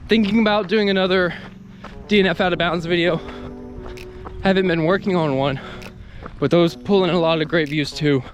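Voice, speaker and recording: A man with a fairly high voice records an off-the-cuff vlog while out running. He talks casually as he exerts himself on the jog. Music plays clearly behind his voice. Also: steady tone, normal speed. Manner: talking while jogging, effortful. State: exerting, working up a sweat. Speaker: video creator vlogging about the channel. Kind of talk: casual unscripted vlog monologue.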